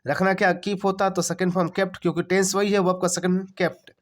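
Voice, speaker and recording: A man's voice: sits high, little pitch movement, fast. A man teaching English translation. He asks questions and answers them himself, spells words out letter by letter and repeats each phrase. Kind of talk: translation lesson.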